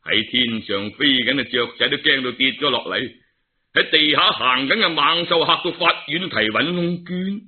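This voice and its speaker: A man's voice: mid-range voice, expressive, normal speed. A man with a Cantonese accent telling a traditional tale in a dramatic, theatrical and colloquial storytelling style, full of exclamations. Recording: narrow, tinny phone-like sound.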